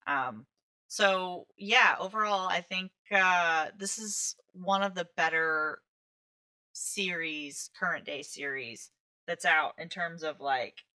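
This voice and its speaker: Slow, bright-voiced woman reviewing books. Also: on the low side. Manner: relaxed, hesitant, many ums and restarts. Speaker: podcast co-host. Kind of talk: casual book review chat.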